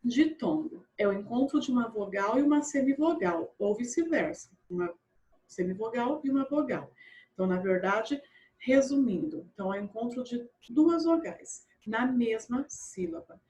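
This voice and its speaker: A patient woman teacher walks young pupils through a grammar lesson. Her voice sits a little on the high side, and she repeats words slowly and keeps checking that the children follow. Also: expressive, a little mellow. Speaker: primary school teacher. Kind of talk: recorded online grammar lesson.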